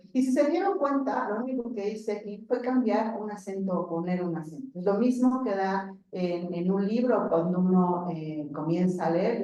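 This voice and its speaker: A woman gives a conference lecture, heard from some distance in a very echoey hall. Her voice is mellow and soft-edged. She explains patiently, repeating words and tagging sentences with quick questions to the audience. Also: on the low side. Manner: explanatory, repeats words, frequent "¿no?" check-ins. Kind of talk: academic lecture to a live and online audience.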